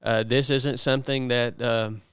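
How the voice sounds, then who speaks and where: Smooth-voiced man, earnest interview host. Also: medium pitch, fairly even intonation, a little slow, a bit bright, dry recording. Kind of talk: casual conversational interviewing.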